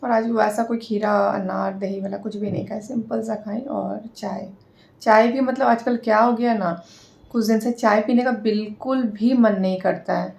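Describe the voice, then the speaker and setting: A young woman with a Bihari accent chats to her vlog viewers, rambling and full of fillers. Her voice is mellow and dark with a gravelly edge. She sits a little away from the microphone. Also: mid-range voice, fairly even intonation, normal speed. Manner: chatty, rambling with many fillers. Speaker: vlogger. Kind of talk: casual vlog chat.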